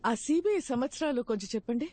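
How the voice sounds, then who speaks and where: A woman dubbing a brisk, motherly female officer on an interview panel. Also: high-pitched, expressive. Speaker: interviewer in a film scene. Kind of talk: dubbed film dialogue.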